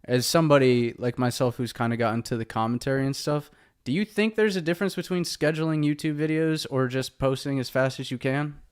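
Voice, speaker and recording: A man's voice: mid-range voice, brisk, hardly any pauses, smooth. Easygoing man hosting a podcast. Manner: easygoing, asks long rambling questions. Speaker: podcast host. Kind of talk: casual podcast chat.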